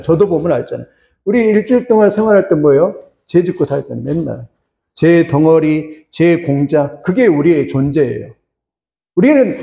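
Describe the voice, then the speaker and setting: A man's voice: high-pitched, vocal fry, dark tone, echoey room. A male pastor preaching a sermon, telling a story in an earnest tone and putting questions to the congregation.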